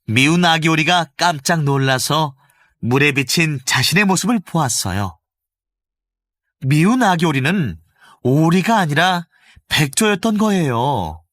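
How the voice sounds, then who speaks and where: Recorded close in a studio with no echo, a male narrator gives a gentle, expressive reading of a children's fairy tale. His pitch is fairly high and his pace a little slow.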